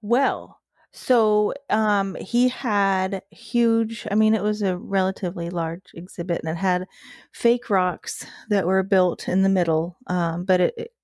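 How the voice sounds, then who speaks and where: A woman from Florida, a former zookeeper, chatting casually and bluntly with lots of swearing, halting restarts and frequent laughter. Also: medium pitch, steady tone, darkish tone, dry recording, clean studio sound. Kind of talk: casual chat.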